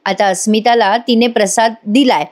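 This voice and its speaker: A woman's voice: fairly high pitch, steady tone, moderate pace, darkish tone. A woman narrating a voice-over recap of a television episode in a chatty storytelling way. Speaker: serial review narrator.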